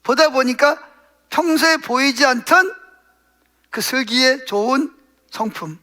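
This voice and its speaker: Speaking unhurriedly and at an extremely high pitch, a male pastor preaches, questioning the congregation and then answering himself. He softens his voice to act out the prayers he quotes.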